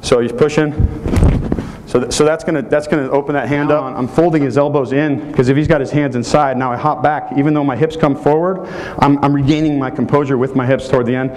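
A little hiss or hum runs through this low-quality recording of a man in his thirties leading a football technique clinic in a hotel meeting room. His mid-range voice is a little mellow and fairly even in intonation, and he explains each move at a fairly quick pace while demonstrating it.

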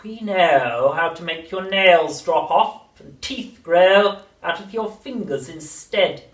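A reader voicing a nasty, witchlike old grandmother in a storybook reading, slow and loud with drawn-out gloating words, recorded in a roomy space away from the mic. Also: mid-range voice, animated, far from the mic, pitched above the performer's own voice. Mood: menacing.

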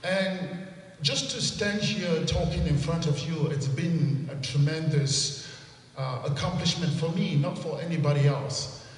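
A man's voice: on the high side, far from the mic. Earnest Cameroonian-accented man in an echoey hall. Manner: earnest, measured, repeats for emphasis. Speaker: motivational speaker. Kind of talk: inspirational panel talk. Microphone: handheld mic. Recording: echoey hall, heard from afar.

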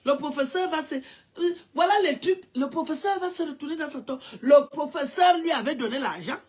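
A woman in a casual mocking rant, mixing teasing questions with drawn-out mock wailing. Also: sits high. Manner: mocking, with drawn-out mock wailing and repeated sing-song cries. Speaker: commentator.

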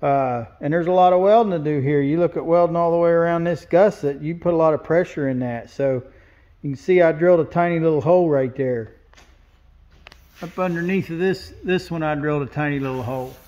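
A warm, high-leaning male voice moves a little fast in this muffled recording. The speaker, a welder and fabricator, casually walks through his work in a large indoor metal shop, pointing things out in plain terms.

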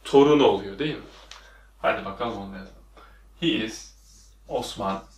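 A man's voice: lowish voice, moderate pace, recorded from a distance. Man teaching in an echoey room. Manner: questioning, repeats and quizzes the viewer. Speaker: English teacher. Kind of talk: classroom lesson at a whiteboard.

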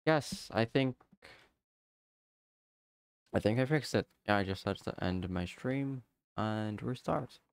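A man chatting casually and playfully as he livestreams a game, rambling in halting bits and repeating his phrases. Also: lowish voice, expressive, creaky, smooth, no echo. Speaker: livestreamer, VTuber. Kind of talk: casual livestream chat while playing a block-building game.

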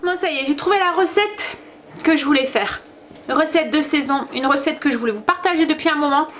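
Woman, mother vlogging from her kitchen: high voice, chatty and meandering, lots of hesitations. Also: fairly quick, a bit bright, slight background noise. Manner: rambling, chatty, full of hesitations. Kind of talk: casual chat to camera.

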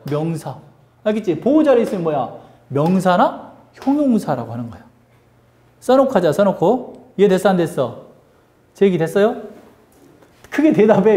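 A male English teacher giving a lively classroom grammar lesson, drilling students with call-and-response questions and teasing them. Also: high voice, roomy sound.

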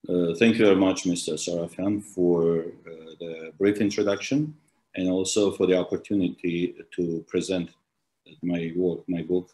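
Deep-voiced man with halting, hesitant delivery. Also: fairly even intonation, dark tone, rough recording. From Armenia. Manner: hesitant, halting, many restarts and ums. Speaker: author presenting his book. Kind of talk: formal presentation with frequent fillers. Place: small office with plain wall. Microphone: laptop webcam on a video call.

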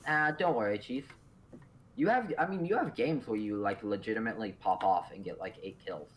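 A man's voice: fairly low pitch, animated, fairly quick, slight background noise. Rambling, reassuring young man on voice chat. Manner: warm, reassuring, rambling with fillers. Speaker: teammate. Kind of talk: casual voice chat.

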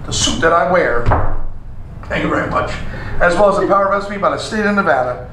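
A man's voice: high-pitched, animated, fast talker, bright, forceful tone, slight background noise. A middle-aged man leading a joking wedding ceremony, playful and teasing, calling out vows for the couple to repeat. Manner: playful, teasing, breaks into song. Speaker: wedding officiant in an [name] costume. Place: small wedding chapel. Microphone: handheld mic, far camera. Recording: echoey chapel from far off with guitar.

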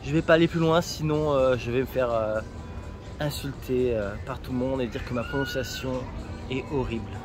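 A man's voice: mid-range voice, moderate pace, music in the background. Chatty man giving travel tips. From France. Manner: chatty, joking, direct advice to viewers. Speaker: travel vlogger. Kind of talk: casual travel tips vlog.

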